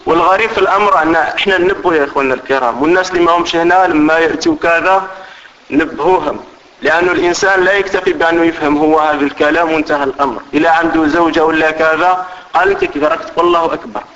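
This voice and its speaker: A man's voice: on the high side, fairly even intonation, very fast, a bit bright, lo-fi sound. Man teaching with an Algerian Arabic accent. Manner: explanatory, repeats points and checks understanding. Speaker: religious teacher. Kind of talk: religious lesson.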